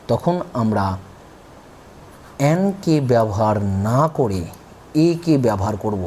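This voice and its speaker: A man's voice: mid-range voice, warm tone, a little hiss or hum. A man teaching a grammar lesson, spelling out words letter by letter and explaining patiently. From India.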